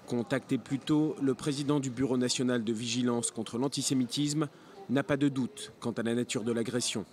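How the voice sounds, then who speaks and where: A man's voice: medium pitch, fairly even intonation, normal speed, darkish tone. A man reading a scripted news report as a radio reporter.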